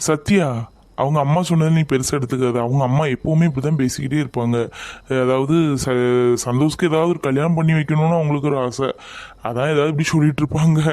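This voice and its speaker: A man's voice: a little high, gravelly, a little mellow, dry recording. A man playing an anxious older brother in an amateur family skit, reassuring and pleading with his upset sister. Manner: pleading, reassuring, worried muttering asides.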